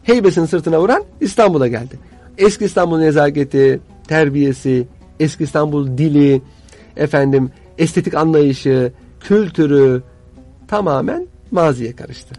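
A man's voice: on the high side, normal speed, darkish tone, soft background music. A man, a guest historian telling stories in a studio conversation, using courtly old-fashioned phrasing.

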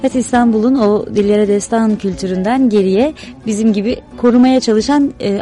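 A woman's voice: mid-range voice, dark tone. A woman hosting a studio conversation, giving polite, brief remarks and formal sign-offs. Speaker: radio show host.

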